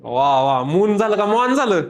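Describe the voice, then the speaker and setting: A man's voice: high-pitched, unhurried, noisy background. Guy teaching kids in a classroom, keeps firing questions at them and teasing a bit. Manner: lively, quizzing pupils with repeated questions and playful teasing.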